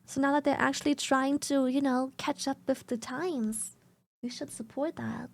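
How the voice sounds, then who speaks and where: Give me a groggy young woman streamer with a raspy, fry-laden voice, giving blunt opinions. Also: sits high, steady tone, normal speed, darkish tone, a little hiss or hum. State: groggy morning voice. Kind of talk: casual live-stream reaction.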